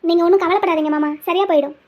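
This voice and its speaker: A woman playing a gentle young wife who speaks softly and comfortingly in a homemade drama. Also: very high voice, fairly even intonation, racing, muffled recording. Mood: soothing. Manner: soft, comforting.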